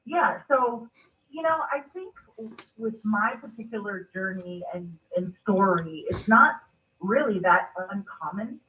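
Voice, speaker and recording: A woman's voice: medium pitch, lively intonation, measured pace, sharp tone, recorded from a distance, a little hiss or hum, rough recording. A middle-aged woman from Texas, calling in to a radio show and telling her story candidly and steadily. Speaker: call-in guest. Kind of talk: casual radio interview. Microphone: phone call-in.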